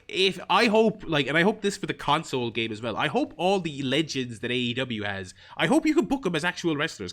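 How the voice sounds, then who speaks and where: A man talks through a mobile game on a stream in a bright, forward voice of medium pitch. He reads the tutorial text aloud and fills the gaps with wry, self-deprecating asides and plenty of ums and uhs. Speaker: gaming streamer.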